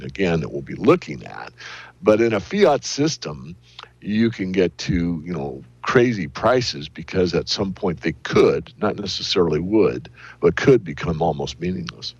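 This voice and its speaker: Very deep-voiced man, husky and dry. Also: no room sound. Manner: deliberate, hedging, analytical. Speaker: interview guest, silver analyst. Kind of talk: measured interview answers.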